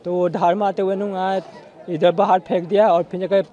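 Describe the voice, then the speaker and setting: A man in his twenties, a survivor, giving a halting, repetitive account to reporters outdoors. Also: sits high, flat delivery, dark tone. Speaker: survivor interviewed. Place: outdoors among a crowd. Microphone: handheld news mics. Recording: muffled with crowd noise.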